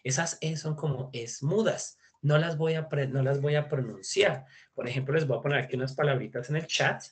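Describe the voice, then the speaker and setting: A man's voice: on the high side, normal speed. A man teaching an online English class, chatty and mixing English phrases into his explanations. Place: video call.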